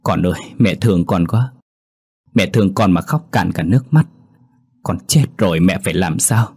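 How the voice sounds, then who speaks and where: A man's voice: deep voice, moderate pace, a little mellow, husky. A man voicing a scheming middle-aged mother-in-law in a ghost story, who scolds sharply and wails melodramatically. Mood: fake wailing.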